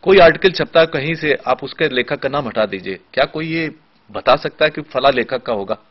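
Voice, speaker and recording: A man explaining radio as an expert guest in a studio discussion, teacherly, giving spoken examples with deliberate pauses. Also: medium pitch. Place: television studio. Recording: dull lo-fi broadcast audio.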